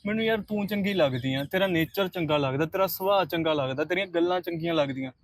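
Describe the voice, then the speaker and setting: A man's voice: a little high, fast talker, no room sound, lightly acted. An actor playing a young man who earnestly pleads with a woman to marry him, in a short film drama.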